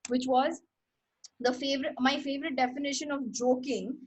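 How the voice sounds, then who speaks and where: Indian girl chatting on a stream, highish voice, keeps restarting her sentences and laughing. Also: steady tone, moderate pace. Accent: Indian English. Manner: rambling, self-correcting, laughs often. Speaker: host. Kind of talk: casual livestream talk on art history.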